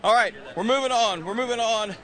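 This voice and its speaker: A man's voice: extremely high pitch, a little fast, fairly bright tone. A man in his sixties doing brash, teasing grid interviews on a live race broadcast, out of breath. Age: 60s. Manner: joking, teasing, brash banter. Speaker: pit-lane grid reporter. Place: outdoors on a race starting grid.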